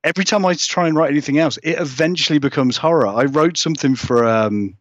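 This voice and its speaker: With a fairly high-pitched voice and a quick delivery, this man rambles and pokes fun at himself while chatting informally as an interview guest. He's a horror writer. There's no echo, but the audio sounds muffled.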